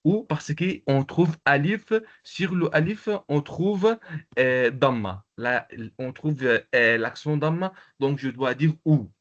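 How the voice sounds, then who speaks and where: A man teaching an online Arabic class in French, explaining slowly and hesitantly, often repeating words. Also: mid-range voice, lo-fi sound. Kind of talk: online language lesson. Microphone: video call.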